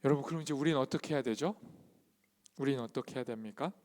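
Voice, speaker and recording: A man's voice: medium pitch, quick pace, a little mellow. A man preaching a sermon to a youth congregation, emphatic and full of rhetorical questions put to the listeners. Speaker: youth pastor.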